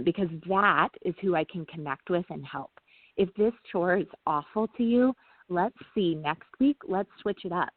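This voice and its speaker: A woman guest speaking as a parenting trainer, explaining casually, often pausing on "um" and checking in with "right?". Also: on the low side, no echo. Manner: talks through ideas with frequent "um" and tag "right?". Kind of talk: casual explanatory interview talk. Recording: tinny phone-like line, dry.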